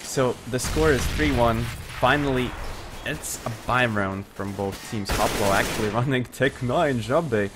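Slow-talking male game caster, gunfire behind. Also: medium pitch, noisy background. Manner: amused, often laughing in disbelief. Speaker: esports caster. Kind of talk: live game commentary. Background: game gunshots and clicks.

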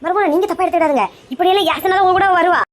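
A scheming, bossy mother-in-law scolds in a Kanyakumari accent, as a woman puts her on. The voice sits very high and moves briskly. Steady noise runs under the recording. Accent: Kanyakumari Tamil. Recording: noisy recording.

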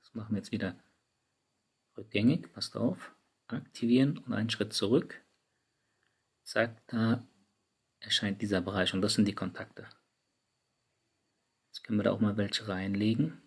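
A man with a low, gravelly voice and a slightly husky edge talks viewers through phone settings. He keeps it casual and chatty, speaking directly to his audience. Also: fairly even intonation, normal speed, pauses often. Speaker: tech YouTuber. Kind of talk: screen-recorded app tutorial. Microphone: studio microphone.

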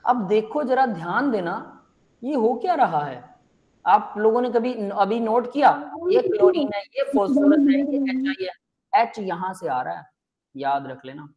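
A man's voice: high voice, big pitch swings, a little slow, a little mellow, lo-fi sound. A male chemistry teacher explaining reactions step by step in a live online class, often checking if students have understood. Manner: explains step by step, keeps asking students if it is clear; addresses students as beta and bhai.

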